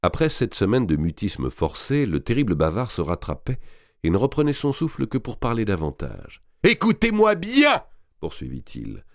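A man's voice: fairly low pitch, very animated, normal speed, darkish tone, no room sound, clean studio sound. Man narrating a historical novel. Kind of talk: audiobook reading of a historical novel.

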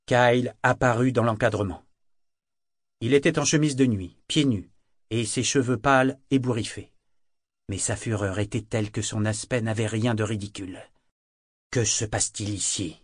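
A man narrating a novel in a measured, dramatic storytelling manner. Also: medium pitch, fairly even intonation, dry recording, studio quality. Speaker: audiobook narrator. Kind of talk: scripted narration.

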